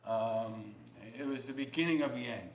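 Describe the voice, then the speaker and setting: A man's voice: medium pitch, normal speed. A man as a guest on a talk show, answering quiz questions with jokes and emphatic, rambling opinions. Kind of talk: casual interview chat. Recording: roomy studio with faint hiss.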